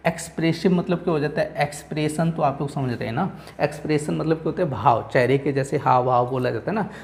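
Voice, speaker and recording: Gravelly guy teacher going over exam questions, keeps repeating answers. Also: on the high side, darkish tone. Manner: repeats answers with "ठीक है", reads questions slowly. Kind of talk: exam-prep lesson. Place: coaching classroom.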